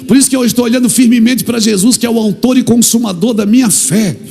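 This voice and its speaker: High, gravelly Brazilian preacher. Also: male voice, fast, faint music behind. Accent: Brazilian Portuguese. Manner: impassioned preaching that acts out dialogues and builds to shouted climaxes. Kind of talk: fervent church sermon. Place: church.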